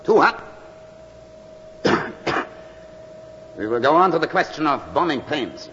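A man's voice: fairly high pitch, sing-song, takes it slowly, fairly bright tone, heavily acted. A man playing a menacing Nazi naval lieutenant with a German accent, questioning with mock patience in a 1940s radio drama style. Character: menacing Nazi U-boat lieutenant interrogating a prisoner. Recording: muffled, reverberant, noisy old radio recording.

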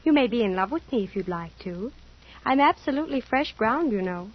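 A woman's voice: fairly high pitch, expressive, fairly quick. An actress playing a sheltered, naive rich teenage girl who talks in a prim, earnest, matter-of-fact way, in an old radio drama. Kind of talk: 1940s radio acting. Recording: muffled old radio recording.

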